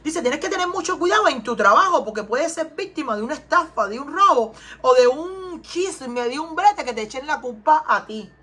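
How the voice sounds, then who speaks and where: High-voiced Cuban woman reading tarot. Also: expressive, moderate pace, hardly any pauses, fairly bright tone. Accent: Cuban Spanish. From Cuba. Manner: earnest, repeats questions and asks viewers to respond. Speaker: tarot reader. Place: home in Texas.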